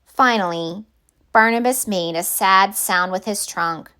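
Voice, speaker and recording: A woman with a smooth, medium-pitched voice reads a children's picture book aloud, storyteller-style, with deliberate and expressive phrasing.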